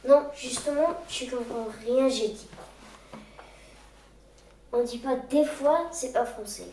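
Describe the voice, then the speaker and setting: A woman's voice: high-pitched, slow, a little mellow, roomy sound, far from the mic, a little hiss or hum. A woman playing a pedantic older sibling who corrects grammar in an impatient, lecturing way. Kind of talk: amateur theatre acting.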